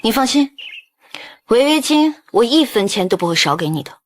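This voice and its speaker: An actress playing a spirited young woman roommate who talks in an indignant, lively way. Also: on the high side, moderate pace.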